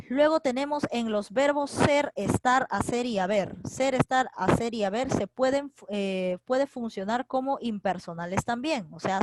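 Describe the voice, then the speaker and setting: A woman teaching an online grammar class to young students. She explains patiently, repeats key points and checks in with tag questions, and slows down to spell out example sentences. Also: a little high, background noise. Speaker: secondary school teacher. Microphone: computer mic for a virtual class.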